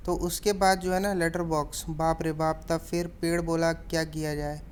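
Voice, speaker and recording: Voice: medium pitch, flat delivery, normal speed, soft background music. A teacher retelling a story chapter for students, with plain narration and casual asides to the class. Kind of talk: explaining a story lesson.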